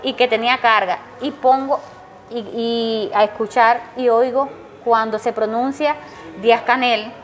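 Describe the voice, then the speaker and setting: A woman's voice: steady tone, unhurried, soft background music. Cuban woman giving emotional testimony. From Cuba. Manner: tells events in long runs, acts out her son's words in a raised pitch. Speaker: interviewee, mother of a jailed protester.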